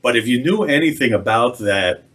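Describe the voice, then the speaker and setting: Unhurried reverend giving a sermon. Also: male voice, medium pitch, lively intonation, a bit bright. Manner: conversational, slows for emphasis.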